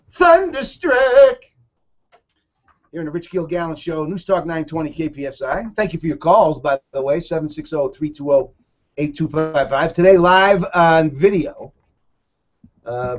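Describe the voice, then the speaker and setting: A man's voice: on the high side, highs cut off. Rambling male radio talk host. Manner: rambling, excitable, chuckling storyteller. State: a little out of breath.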